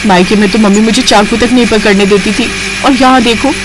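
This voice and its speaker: A woman's voice: a little high, fairly even intonation, brisk, background noise, lightly acted. Woman putting on a sarcastic young bride. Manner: sarcastic, exasperated. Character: young bride, tired and sharp-tongued. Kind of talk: cartoon story voice acting.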